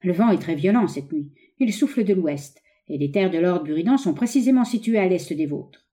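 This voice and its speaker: A woman reading an audiobook, voicing a ruthless, scheming young man who speaks in an urgent, forceful, raised voice. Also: lowish voice, expressive, normal speed, lightly acted.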